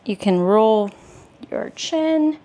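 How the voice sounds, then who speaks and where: Female Pilates instructor, slightly high, unhurried, calm encouraging cues. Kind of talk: guided workout instruction.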